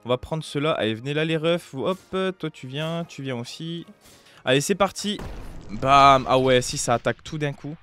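A man's voice: medium pitch, moderate pace, fairly bright tone, soft background music. A young man giving casual, upbeat gameplay commentary, chatty and full of fillers, as a gaming youtuber at home on a close desk mic.

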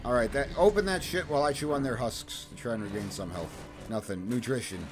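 This gaming video host, a man with a medium-pitched voice, talks a little fast as he delivers crude, rambling, joking play-by-play over his own gameplay. Game music plays loudly behind him, mixed with sound effects.

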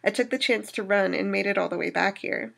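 A woman reading aloud as a shaken young woman survivor recounting an attack, in a steady storytelling manner. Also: mid-range voice, fairly quick, creaky. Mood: grieving.

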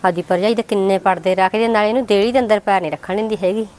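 A caring, nosy village aunt, acted by a woman in an amateur short film. She asks her questions quickly in a sympathetic, prying way, with a faint hum of ambience behind her. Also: mid-range voice, steady tone, a little mellow, close to an everyday voice. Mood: musing. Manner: probing, sympathetic.

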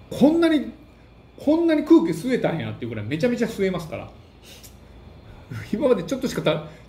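A man with a Kansai accent, a comedian hosting a casual monologue, telling stories and acting out what people said. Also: on the high side. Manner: animated storytelling that acts out quotes. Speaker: comedian and book-review host. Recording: echoey room with faint hiss.

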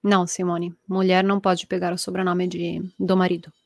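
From a small room at home, a woman in her thirties from Italy leads a live online language class, reading viewers' comments with an Italian accent in a lively, gesture-heavy way. She speaks at normal speed in a fairly low voice, recorded dry and clean through an earphone headset mic.

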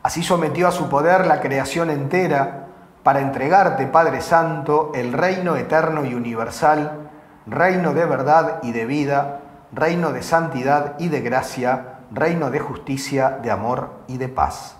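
A priest in his forties reciting the prayers of Mass in a solemn, measured way, with a lapel mic in a small chapel. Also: fairly high pitch. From Uruguay. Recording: echoey chapel.

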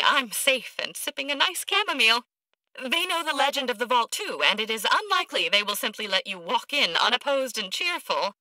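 Patricia Tannis, haughty high-voiced scientist. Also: female voice, no room sound, poor audio. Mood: dismissive, deadpan. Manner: clipped, haughty, deadpan, precise diction. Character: eccentric, arrogant woman scientist, blunt and socially awkward. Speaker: video game character. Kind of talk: video game voice acting.

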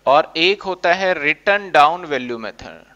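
A man's voice: a little high, lively intonation, a little slow, sharp tone. A man teaching an accounting class in a playful way, acting out his students' questions. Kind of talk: classroom lecture. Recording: dull lo-fi recording.

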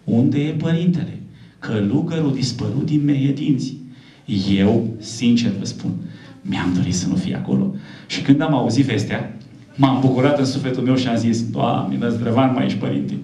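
A priest giving a lively speech at a book launch, telling stories and voicing the people he quotes. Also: medium pitch. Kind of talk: public speech with storytelling. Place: event hall. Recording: echoey room from a distant mic.

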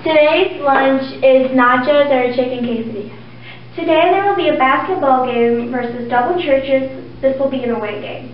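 A young woman reading the morning school announcements over the intercom, in a measured, sing-song way. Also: high voice, distant mic, slight background noise. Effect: school intercom loudspeaker. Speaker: student announcer. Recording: echoey, muffled intercom heard from afar.

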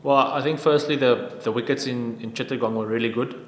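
A man in his thirties answering questions at a post-match press conference at a table mic, even-toned and halting with frequent restarts. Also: mid-range voice. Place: press conference room with sponsor backdrop. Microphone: table microphone. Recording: echoey room with long reverb.

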